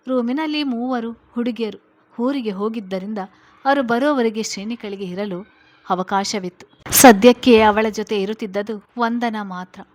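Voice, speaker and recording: A woman reading a serial story aloud in a steady, even manner. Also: on the high side, normal speed.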